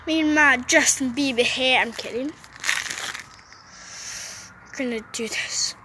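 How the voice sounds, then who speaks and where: High-pitched girl narrating her phone game, unhurried and chatty, talking to the viewers, faint outdoor hum. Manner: chatty and playful, talking to viewers while playing. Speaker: mobile game vlogger. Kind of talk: casual gameplay commentary. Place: sitting on a roof outdoors.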